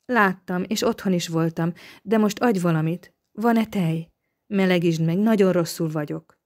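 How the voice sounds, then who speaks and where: A woman's voice: fairly low pitch, a little mellow, close to an everyday voice. A woman voicing a feverish, weak young woman who pleads faintly to be cared for. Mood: weak pleading.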